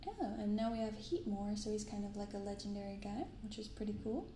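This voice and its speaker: Hushed and unhurried, the young woman behind a card-opening channel murmurs commentary and reads from her cards, ASMR style, through a binaural microphone. Her voice sits in the middle range, the space sounds roomy, and the background is noisy.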